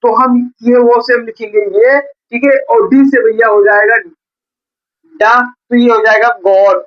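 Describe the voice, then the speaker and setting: A man's voice: very high-pitched, level tone, unhurried. Male tutor at a board, patient and repetitive, dull lo-fi sound. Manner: patient, repeats "theek hai" and "bhaiya" often. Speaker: teacher. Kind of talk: blackboard reading lesson. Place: coaching classroom at a board. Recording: dull lo-fi recording.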